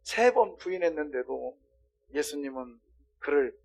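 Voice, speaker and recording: A male pastor preaching a sermon, swinging between loud exclamations and quiet asides while questioning the congregation. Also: a little high, lively intonation, unhurried, gravelly.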